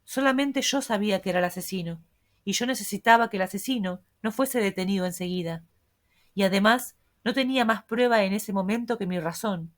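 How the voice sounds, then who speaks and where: A woman reading the lines of a bold young male reporter, calm, unhurried and sure of himself. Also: mid-range voice, lightly acted. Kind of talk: audiobook reading.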